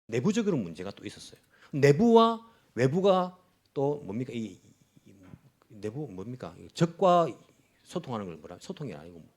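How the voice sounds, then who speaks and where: A middle-aged male pastor delivers a Sunday sermon in a church, his voice rising and falling in wide, lively swings. He talks to the congregation directly, now and then slipping into scornful voices to act out people who mock the faithful. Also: mid-range voice, moderate pace. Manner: animated preaching, acts out mocking voices of opponents. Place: church in Tokyo.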